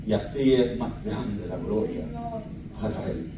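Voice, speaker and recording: A pastor preaching a fervent sermon, calling on the congregation to shout amen, heard from a distance in a large church. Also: male voice, fairly low pitch, unhurried, heavy reverb, heavy background noise. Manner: fervent, calls out for amens.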